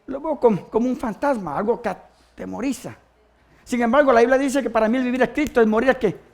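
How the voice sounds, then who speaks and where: Man, pastor, fervent sermon, very high-pitched, frequent praise interjections. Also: quick pace, gravelly.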